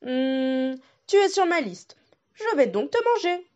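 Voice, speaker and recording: A woman's voice: high voice, big pitch swings, slow pace, a little mellow, dull audio, pitched above the performer's own voice, heavily acted. A woman voicing a hungry but sentimental male wolf who muses and grumbles to himself. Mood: musing.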